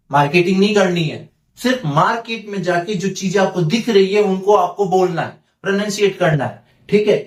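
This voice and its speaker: A man teaching an English lesson in a lively, teasing way, asking and answering his own questions. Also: sits high. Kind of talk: classroom lesson. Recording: echoey room, mic far off.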